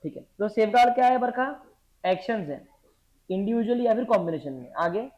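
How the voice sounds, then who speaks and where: A man's voice: sits high, lively intonation, a little fast, a little mellow. Man teaching, drilling the class with questions. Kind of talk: classroom lecture, dictating notes. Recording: dull lo-fi classroom recording.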